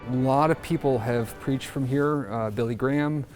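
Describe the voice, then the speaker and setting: A man guiding a cathedral visit in casual interview talk, haltingly repeating words as he explains. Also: mid-range voice, a little mellow, soft background music. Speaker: cathedral guide.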